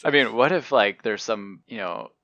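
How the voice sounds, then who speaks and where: A laid-back young man co-hosting a podcast, with a fairly low voice. His tone is bright, but his mic sounds dull and muffled. The room is dry and close. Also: normal speed, no echo. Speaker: podcast co-host. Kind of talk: casual chat.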